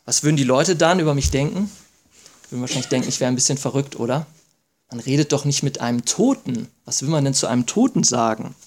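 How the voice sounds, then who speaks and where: A man preaching a sermon, asking rhetorical questions and reading scripture aloud slowly with emphasis. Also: medium pitch, expressive, a little mellow.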